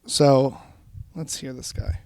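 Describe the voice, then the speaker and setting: A man hosting a casual podcast, halting and restarting, with dry jokes. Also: mid-range voice, fairly even intonation, dark tone, smooth, dry recording. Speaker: podcast host.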